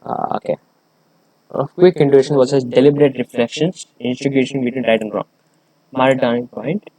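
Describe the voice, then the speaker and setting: Man, mid-pitched, hesitant, lots of fillers, reading and explaining a paper, dry sound. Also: fairly even intonation, a little fast, warm tone, no room sound, poor audio. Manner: hesitant, many fillers and restarts. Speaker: channel host explaining a research paper.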